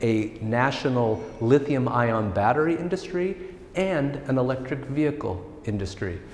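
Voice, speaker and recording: A man's voice: medium pitch, animated, normal speed, a little mellow, slight background noise. An American man from California giving an informal academic lecture, friendly and self-deprecating, with frequent restarts. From California, United States. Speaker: guest lecturer. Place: large public hall. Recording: roomy hall reverb.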